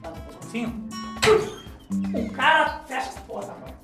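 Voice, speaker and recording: A boisterous male host talks quickly in a high, bouncing voice. He jokes crudely with his guest. The room rings with echo, and music plays behind him. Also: sing-song. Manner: boisterous, swearing, quick to laugh. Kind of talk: casual talk show chat.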